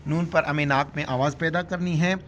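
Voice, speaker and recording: A man teaching Quran recitation in Urdu-accented speech, spelling out letters and vowel marks, then reciting each word slowly and drawn out. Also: on the high side, steady tone, fairly bright tone, highs cut off, a little hiss or hum.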